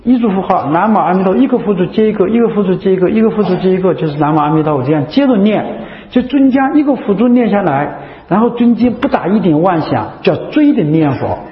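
A man's voice: high voice, animated, fast talker, hardly any pauses. A man, a Buddhist monk, giving a chatty, repetitive dharma talk full of rhetorical questions. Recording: echoey hall, dull lo-fi sound.

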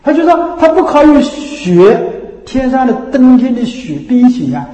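A man's voice: very high-pitched, big pitch swings, normal speed, mellow. A man giving a Buddhist dharma talk as teacher, explaining patiently and often checking that listeners follow. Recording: echoey hall with long reverb.

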